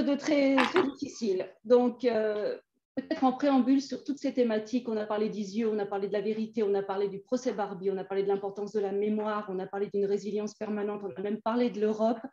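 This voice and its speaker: Woman, moderator, mellow tone, hesitant with fillers, roomy echo, dull lo-fi sound. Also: fairly high pitch. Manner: hesitant, many fillers while finding words. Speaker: event moderator. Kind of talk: moderating a live online author talk. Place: room in Thessaloniki.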